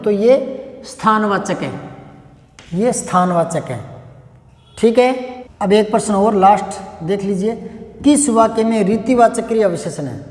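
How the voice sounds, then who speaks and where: High-voiced teacher in an echoey room. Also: male voice, darkish tone. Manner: explains step by step, asks questions and answers them himself. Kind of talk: grammar lesson. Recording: echoey room with long reverb.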